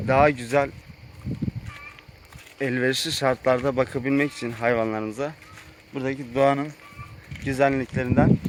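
A man vlogging casually outdoors at a rural sheep pen, speaking slowly and unhurriedly about his new animals. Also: a little hiss or hum. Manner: slow, unhurried, with sing-song high calls to the animals. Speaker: vlogger moving to the countryside. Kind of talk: casual vlog talk while tending sheep.

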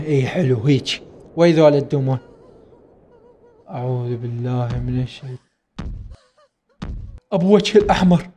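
A young man with an Iraqi Arabic accent giving excitable let's play commentary, constantly addressing his viewers. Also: on the high side, a little hiss or hum. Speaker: gaming YouTuber.

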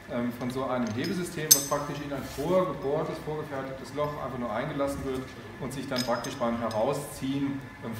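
A man's voice: medium pitch, background noise. A man professor methodically explaining roof structures and tests, with frequent fillers. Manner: flat, methodical, with many fillers. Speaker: professor of timber construction. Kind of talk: technical lecture explanation. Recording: echoey hall from far off.

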